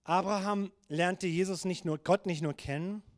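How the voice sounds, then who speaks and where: A pastor delivers his sermon in a notably high voice for a man. He speaks earnestly and urges his listeners on, sinking low and quiet whenever he gives God's words. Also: steady tone, normal speed. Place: church service.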